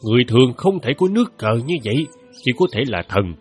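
A man's voice: medium pitch, very animated, fast talker, slightly rough, faint music behind. A man playing a courteous village chess master. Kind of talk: radio play acting.

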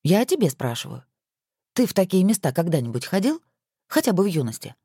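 A reader voicing a sharp-tongued young wife who teases her husband in mock-stern tones, in a storybook reading. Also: medium pitch, big pitch swings, brisk, husky, no room sound, studio quality, voice pushed up.

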